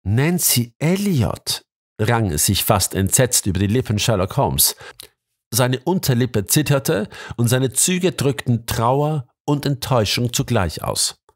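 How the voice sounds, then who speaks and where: A man's voice: medium pitch, lively intonation, a little slow. Dramatic male audiobook narrator. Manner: dramatic storytelling.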